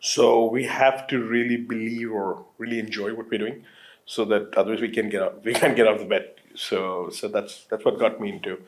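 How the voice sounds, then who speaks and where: On an interview show, a Qatari entrepreneur in his late thirties chats casually in a steady, lowish voice at a moderate pace. His talk wanders, full of fillers and restarts, and he's quick to laugh.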